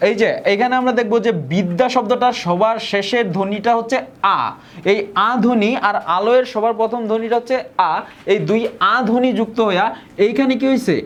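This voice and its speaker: A young man from Bangladesh, teaching a grammar lesson and often repeating key points and slowing down on example words. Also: extremely high pitch, fairly even intonation. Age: young adult. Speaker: tutor.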